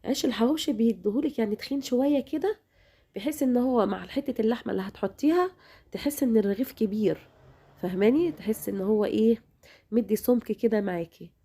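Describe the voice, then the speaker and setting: She's a cooking channel host with an Egyptian Arabic accent, chatting to her audience as she demonstrates home cooking. She talks fast in a voice on the high side, dark in tone and slightly rough, still a bit worn from being ill recently.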